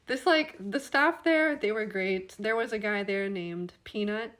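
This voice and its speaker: A woman's voice: mid-range voice, a little slow, fairly bright tone. Young woman, podcast guest, rambling storyteller, laughs often, mid-range voice. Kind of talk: casual chat.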